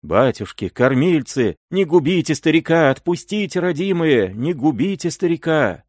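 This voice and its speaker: A frightened old peasant wailing and begging for mercy, played by a male reader. His voice climbs high and swings widely, and the audiobook sound is close and dry. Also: big pitch swings, normal speed, darkish tone, no echo. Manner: wailing, pleading.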